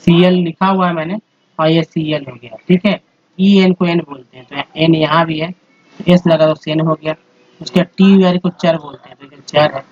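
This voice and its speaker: A man's voice: fairly high pitch, fairly even intonation, moderate pace, darkish tone. A man teaching English reading in a slide lesson, explaining sounds step by step and repeating words for his viewers. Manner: repetitive, step-by-step explaining, addresses viewers as friends. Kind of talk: slide-based phonics lesson. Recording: dull lo-fi audio with faint noise.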